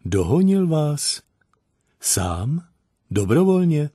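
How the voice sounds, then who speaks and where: A man's voice: a little high, big pitch swings, dark tone, slightly rough, no room sound, clean studio sound, voice pushed up. A man voicing a kind, commanding young woman general. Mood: questioning. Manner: firm commanding questions.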